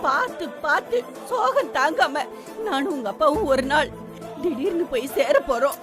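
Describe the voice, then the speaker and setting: A woman's voice: high voice, lively intonation, moderate pace, crowd noise. An actress playing a middle-aged mother who laments and scolds her son over a called-off wedding. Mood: indignant. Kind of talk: TV serial acting. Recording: with loud background music.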